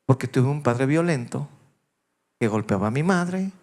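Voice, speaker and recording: A man, preaching a sermon and telling personal stories, often dropping to a hush and then rising again. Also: medium pitch, lively intonation, measured pace. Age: 50s. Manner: personal confessional storytelling, shifting between hushed and raised voice. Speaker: pastor.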